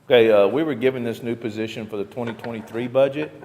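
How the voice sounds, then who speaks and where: A man speaking as a sheriff, giving a halting report at a public meeting. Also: medium pitch, a little mellow. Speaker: sheriff presenting a staffing request. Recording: reverberant room, faint noise.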